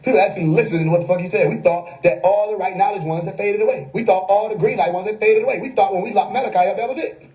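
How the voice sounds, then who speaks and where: A man's voice: sits high, fast talker, mellow, rough recording. A man, hosting a casual livestream monologue that preaches hidden meanings with wordplay and frequent laughter. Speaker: livestream host. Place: home.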